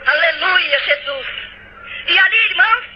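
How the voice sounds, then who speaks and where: A woman's voice: very high voice, animated, unhurried. A woman with a Brazilian Portuguese accent gives a fervent church testimony, at times tearful, repeating her phrases and calling out to the brothers. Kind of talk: emotional testimony sermon. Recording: dull lo-fi recording.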